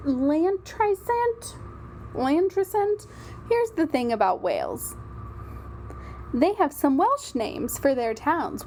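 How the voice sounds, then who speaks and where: A woman's voice: high voice, warm tone, slight background noise. A woman in casual solo commentary, chatty and rambling with frequent ums. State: a little out of breath. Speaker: royal news commentator.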